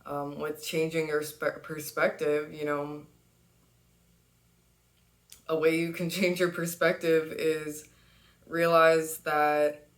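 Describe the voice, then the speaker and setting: Slow, low-voiced woman reading tarot. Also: fairly bright tone, reverberant. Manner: chatty, laughs easily, many fillers. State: has the hiccups. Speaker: tarot reader. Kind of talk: casual spoken tarot reading.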